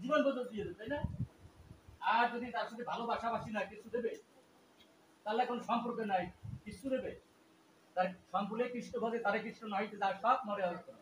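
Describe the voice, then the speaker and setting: A man's voice: high voice, a bit bright. A man giving a devotional sermon, asking rhetorical questions and often stumbling and restarting his words. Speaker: preacher. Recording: echoey room with faint ambient noise.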